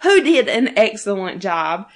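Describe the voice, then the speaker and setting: A woman co-hosting a fan podcast, talking excitedly, swearing a lot and laughing often. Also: mid-range voice, measured pace. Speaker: podcast co-host. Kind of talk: casual fan chat.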